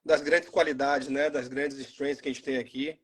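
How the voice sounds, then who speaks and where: A man in his forties from Salvador with a Bahian Brazilian accent, chatting casually as a guest on a live video call and pausing often with fillers. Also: mid-range voice, breathy edge. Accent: Bahian Brazilian Portuguese. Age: 40s. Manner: relaxed, halting with frequent fillers. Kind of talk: casual live stream chat. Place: at home in Salvador.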